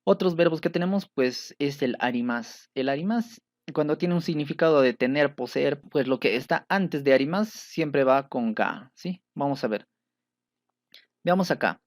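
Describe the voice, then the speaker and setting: Hombre paciente explicando gramática japonesa. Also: male voice, fairly high pitch, lively intonation, normal speed, dry recording, clean studio sound. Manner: patient, checks understanding with frequent "¿sí?". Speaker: Japanese language teacher. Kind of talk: explanatory lesson.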